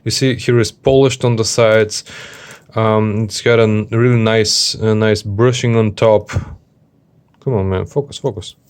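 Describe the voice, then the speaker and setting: A man with a slightly deep voice talks through a product review off the cuff. His delivery is informal and hesitant, stopping and starting as he looks for the right word. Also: fairly even intonation, clear, resonant tone. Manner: halting, hesitant, searching for words. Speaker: watch reviewer. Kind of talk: casual unscripted product review.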